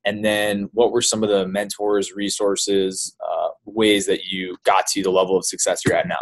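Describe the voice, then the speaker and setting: Low-voiced young man hosting a chat. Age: young adult. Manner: relaxed, many quick yeahs. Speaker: interview host. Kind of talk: casual interview on a video call. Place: small room indoors. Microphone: studio mic and earphones.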